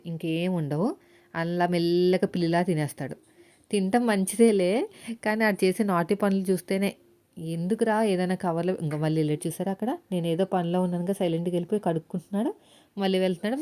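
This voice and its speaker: A woman's voice: lowish voice, warm tone. A housewife vlogger chatting casually to her viewers while she cooks in her home kitchen, telling little stories as she goes. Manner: chatty, talks straight to viewers, tells stories. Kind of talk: casual vlog chat while cooking.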